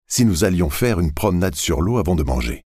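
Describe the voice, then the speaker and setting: A man's voice: low-pitched, expressive, brisk, darkish tone, slightly rough, no room sound, clean studio sound. A man reading a scheming young murderer. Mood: coaxing.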